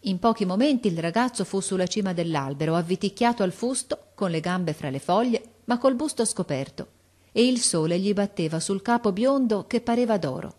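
A woman narrating a classic story in a measured, expressive reading voice. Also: medium pitch.

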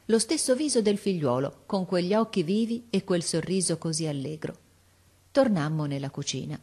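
Lady reading a story out, calm and steady, kinda low voice. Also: normal speed, slightly rough. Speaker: narrator. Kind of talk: scripted narration.

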